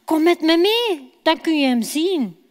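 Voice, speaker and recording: Woman doing an excited young disciple. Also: very high voice, pitched above the performer's own voice. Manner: enthusiastic, raised and quick. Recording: long church hall reverb.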